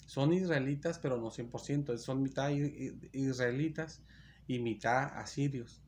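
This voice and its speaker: A man's voice: medium pitch, a little slow, darkish tone, a little hiss or hum. A man preaching a sermon in a church, reading Bible verses aloud and explaining them, often restarting and correcting himself. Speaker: pastor.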